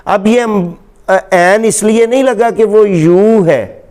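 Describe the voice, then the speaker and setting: Pakistani guy teaching english grammar, patient, repeats stuff slow, asks questions back, smooth clear voice. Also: high-pitched, a little mellow. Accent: Pakistani Urdu. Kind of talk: explaining grammar in a lecture.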